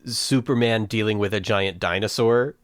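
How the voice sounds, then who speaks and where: A man's voice: on the low side, fairly even intonation, normal speed, clear, resonant tone, no echo, studio quality. A man hosting a casual podcast chat, with jokey, folksy announcer phrasing. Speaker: podcast host.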